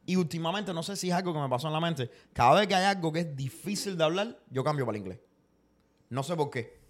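Quick, emphatic man in casual chat. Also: a little high, expressive. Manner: quick, emphatic talk with repeated affirmations.

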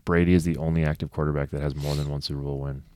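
A man's voice: very deep voice, flat delivery, very fast, darkish tone, no echo. A man co-hosting a podcast, chatting casually about football, laughing often and going off on asides. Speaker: podcast co-host. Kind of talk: casual sports chat.

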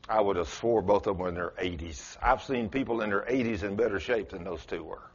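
A man's voice: fairly low pitch, a little fast, highs cut off. Folksy preacher man in his sixties. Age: 60s. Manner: folksy preaching, quizzes the congregation, rises to loud exclamations. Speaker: pastor. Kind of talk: sermon.

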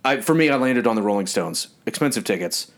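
A man co-hosting a podcast, chatting casually and telling animated stories with frequent laughs. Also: on the low side, brisk. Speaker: podcast co-host. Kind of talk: casual chat.

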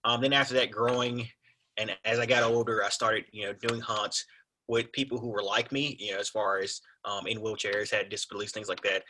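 A young man with a raspy voice, telling his story as a podcast guest in a laid-back, rambling way. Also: fairly low pitch, fairly even intonation, a little fast, sharp tone, a little hiss or hum. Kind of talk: casual conversation.

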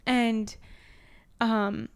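A woman's voice: on the high side, flat delivery, extremely slow, clean tone. A woman co-hosting a podcast, chatting casually and telling a long story full of "like" fillers, often acting out what other people said. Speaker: podcast co-host. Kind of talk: casual chat.

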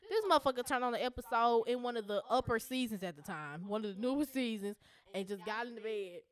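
A woman's voice: fairly high pitch, lively intonation, fast talker, smooth. A young woman in her twenties co-hosting a podcast, telling a candid, profane story in casual chat with lots of fillers. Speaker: podcast co-host.

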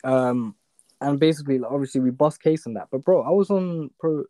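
Here the same kind of young Londoner, a podcast guest with a roadman accent, rattles off personal stories in casual street slang full of tag questions. The voice sits at medium pitch with a dark tone, goes a little fast, and has no room sound.

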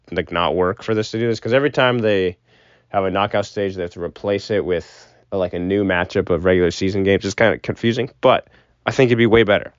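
A man's voice: lowish voice, smooth, dry recording. A young man rambling casually and with opinions about sports as a solo podcast host, swearing now and then, recorded inside a closet. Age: young adult. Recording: muffled closet recording, dull and dry.

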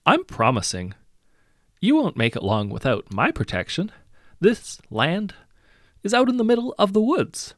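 A man's voice: high voice, wildly swooping pitch, unhurried, no room sound, studio quality, pitched above the performer's own voice, heavily acted. A man voicing a greedy hero turned lord who makes hollow, falsely sympathetic threats in a storybook. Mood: menacing.

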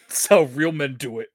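A man's voice: mid-range voice, no room sound, clean studio sound. A young man co-hosting a casual movie commentary, joking, swearing and laughing often. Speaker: podcast co-host.

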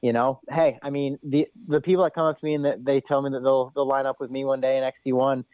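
A young ATV racer chats on a podcast interview, speaking fast in a level, mid-range voice. The recording is dry with the highs cut off, and he rambles in a laid-back way, saying "you know" and "dude" constantly.

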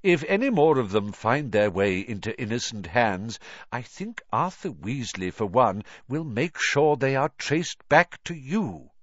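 Reader doing an old wizard headmaster, calm and measured, lively pitch, dry sound. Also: no room sound. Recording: dry, slightly dull lo-fi.

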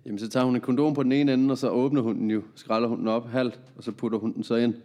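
A man, a comedian and podcast guest, telling a story in a lively, laughing way. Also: medium pitch. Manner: animated, laughing anecdote telling.

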